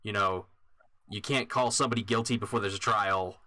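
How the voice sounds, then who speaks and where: Bright-voiced man running a tabletop game. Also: fairly low pitch, a little fast, no echo. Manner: relaxed, many fillers. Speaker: dungeon master.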